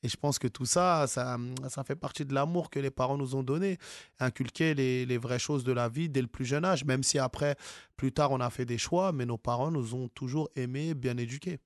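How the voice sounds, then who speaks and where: A man's voice: medium pitch, moderate pace, dry recording, clean studio sound. A man from France, an author being interviewed, speaking casually with many fillers and restarts.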